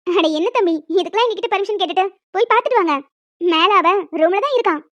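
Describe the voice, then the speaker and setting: A woman voicing several emotional village women and a young daughter in a cartoon, fast and dramatic, scolding and tearful. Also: very high-pitched, fairly bright tone, dry recording. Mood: coaxing. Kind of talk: cartoon voice acting. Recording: dull, dry lo-fi recording.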